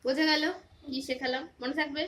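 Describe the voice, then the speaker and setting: A woman's voice: sits high, flat delivery, brisk, fairly bright tone, a little hiss or hum. A woman teaching a casual phonics lesson, patiently quizzing her pupil with repeated questions.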